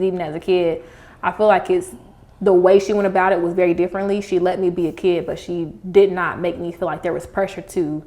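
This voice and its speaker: A woman's voice: lowish voice, darkish tone. Young woman with a retainer lisp. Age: young adult. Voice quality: slight lisp from wearing retainers. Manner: speaking with retainers in. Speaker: podcast host. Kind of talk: casual chat.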